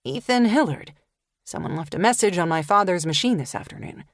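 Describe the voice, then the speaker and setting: A woman's voice: fairly low pitch, lively intonation, fairly quick, no echo, clean studio sound, natural voice. Woman voicing a curt, wary man on the phone. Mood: guarded. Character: guarded terse grown man on phone. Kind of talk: audiobook narration.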